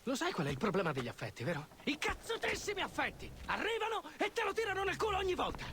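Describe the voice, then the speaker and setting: An unhinged pirate leader. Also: male voice, very high-pitched, wildly swooping pitch, fast, background noise, full character voice. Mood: brooding, then ranting. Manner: menacing, erratic, swings into shouting. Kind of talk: game cutscene acting.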